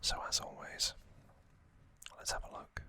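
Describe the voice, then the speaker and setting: In soft, airy whispers, a male ASMR host shares trivia, measuring out each short phrase slowly and with care.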